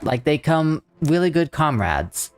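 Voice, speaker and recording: A man casually commenting on a story game as he streams it, chatty and relaxed. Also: on the high side, measured pace, soft background music. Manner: chatty, relaxed, uses "like" often.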